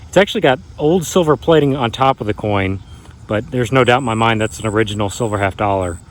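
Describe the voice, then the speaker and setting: A man's voice: lowish voice, quick pace. A man in his thirties narrating a casual treasure hunter vlog, marveling at his finds and speaking straight to viewers. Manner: marveling exclamations, addressing viewers directly. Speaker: metal detecting treasure hunter, vlogger. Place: outdoors in grassy and wooded areas. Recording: noisy outdoors with insects and vehicles.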